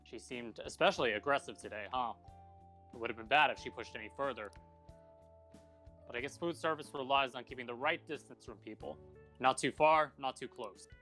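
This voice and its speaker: A man voicing a middle-aged cafe owner, dry and guarded. His voice sits at an ordinary pitch and stays deadpan and weary. Light music plays behind. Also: fairly quick. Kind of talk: fan comedy dub.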